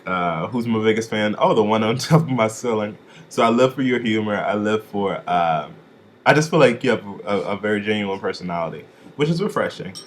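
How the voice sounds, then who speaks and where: A young man from Chicago giving a casual, sassy vlog review, with swooping, expressive emphasis on his catchphrases. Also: fairly low pitch, a little hiss or hum. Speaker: vlogger reviewing drag contestants.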